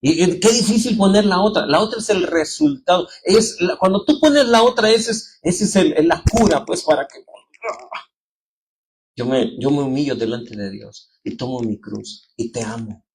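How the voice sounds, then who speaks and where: A man with a Mexican Spanish accent, preaching a sermon as pastor, telling lively stories and calling his listeners brothers and sisters. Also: fairly high pitch, normal speed. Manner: animated storytelling, acting out quoted voices.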